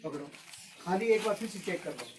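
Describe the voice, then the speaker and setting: A man performs as a kids party magician, keeping up playful, teasing patter full of questions for the children. He is heard at a distance from the microphone, with clear noise over the recording. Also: high voice, expressive, brisk. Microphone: far from the mouth. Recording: distant mic, noisy with clicks and birds.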